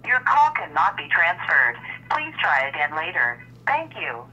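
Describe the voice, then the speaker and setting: A woman's voice: deep voice, huge pitch swings, measured pace, pushed and bright. A woman's recorded office greeting heard over a phone line, formally reading out hours and menu options. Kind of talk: scripted answering-machine message. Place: office answering system. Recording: distant phone audio with faint hiss.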